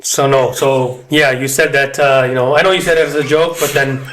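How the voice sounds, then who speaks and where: A man hosting a podcast, relaxed, wrapping up with plenty of fillers. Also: medium pitch, fairly quick, reverberant, slight background noise. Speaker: podcast host. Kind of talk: casual podcast chat.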